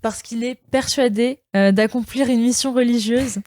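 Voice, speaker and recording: Woman co-host, casual film chat, halting delivery, dry close sound. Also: a little high, fairly even intonation, dark tone, no room sound. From of Iranian descent. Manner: hesitant, many fillers and restarts. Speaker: podcast co-host.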